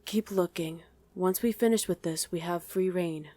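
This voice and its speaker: In this ASMR roleplay, a woman voices a demon hunting mortals, wry and quick to irritation, bantering and squabbling with a listener we never hear. Her lowish voice is mellow and natural, with a moderate pace, no echo, and a casual, curious air.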